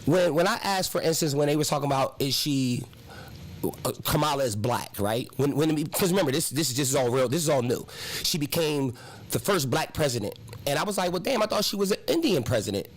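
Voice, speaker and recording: A man's voice: a little high, a little fast, low-quality recording. A man hosting a live show, arguing politics heatedly and repeating himself to hold the floor.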